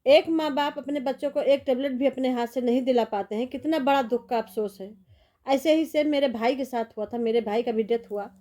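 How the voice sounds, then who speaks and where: A woman's voice: high voice, brisk, dark tone. A middle-aged woman vlogger commenting casually and sorrowfully, rambling with sympathy.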